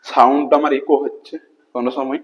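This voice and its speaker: A man's voice: medium pitch, little pitch movement, fairly quick, lo-fi sound. A man vlogging a walking tour, his voice echoing inside a rock-cut stone cave as he keeps telling viewers to look. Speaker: travel vlogger on a cycling tour. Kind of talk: casual walking tour vlog.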